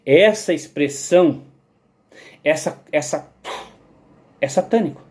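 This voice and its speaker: A man's voice: on the high side, takes it slowly, a little mellow. A man giving a rambling philosophical monologue about his own theory. He digresses, repeats words and keeps checking "entendeu?".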